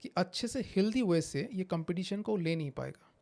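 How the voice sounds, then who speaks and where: Mellow-voiced psychiatrist explaining calmly. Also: male voice, sits high, creaky. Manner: measured, explains with examples, mixes English phrases. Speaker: psychiatrist guest. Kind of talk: explanatory interview talk.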